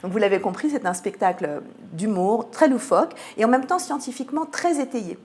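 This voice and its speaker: With a French accent from France, a woman explains a cultural programme as a guest on a radio interview. She is articulate but often hesitates while searching for words. Her voice is on the high side, a little mellow, and fairly quick.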